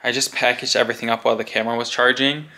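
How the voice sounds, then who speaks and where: A young man talks straight to a close camera at home, loose and rambling, his "likes" tumbling out. His voice is bright and forward, with a faint hiss of noise behind it. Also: mid-range voice, level tone, racing. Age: young adult. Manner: chatty and rambling, lots of "like". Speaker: vlogger. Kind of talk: casual vlog chat to camera. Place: home bathroom and bedroom, also car.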